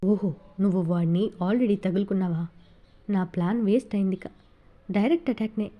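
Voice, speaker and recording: A contemptuous, taunting husband from an audio novel, heaped with scorn, as a woman reads him. The voice sits rather high and mellow, never harsh. It is a storybook reading, not a full character voice. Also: a little fast, close to an everyday voice. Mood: spiteful. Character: cruel sneering middle-aged man, abusive husband.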